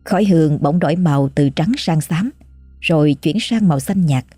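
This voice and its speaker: A woman narrating a scripted ghost story with a measured, suspenseful delivery. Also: sits low, warm tone, slightly rough, no room sound, soft background music.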